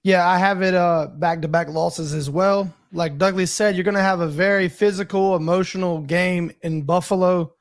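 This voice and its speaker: A man co-hosting a sports podcast, giving his picks in a steady, matter-of-fact way. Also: high-pitched, normal speed, hardly any pauses. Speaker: podcast co-host. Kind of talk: casual sports chat.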